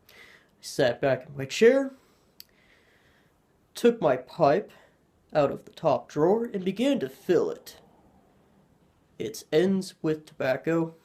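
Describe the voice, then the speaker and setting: A man narrating a horror story in a measured storytelling manner. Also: a little high, darkish tone.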